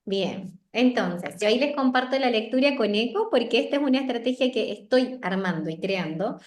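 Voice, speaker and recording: Woman presenter on a video call, higher voice, echoey room, tags "right?" onto her points. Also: expressive, normal speed. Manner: explanatory, checks in with frequent tag questions. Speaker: literacy presenter. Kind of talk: explaining reading strategies in an online meeting.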